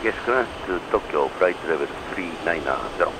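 Deep-voiced male pilot over aircraft radio. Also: animated, unhurried, noisy background. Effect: pilot talking over aircraft radio. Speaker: airline pilot. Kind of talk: clipped radio phraseology.

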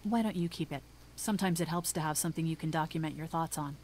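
A woman's voice: sits low, quick pace, darkish tone, a little hiss or hum, lightly acted. An actress playing an earnest, caring young woman survivor in a naturalistic, conversational video game drama. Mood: sincere, gentle. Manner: sincere, conversational.

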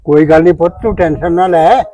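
A man playing an older grandfather who speaks calmly and reassures his family. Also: fairly high pitch, quick pace, close to an everyday voice. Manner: calm, reassuring. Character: easygoing grandfather, obliging to his wife.

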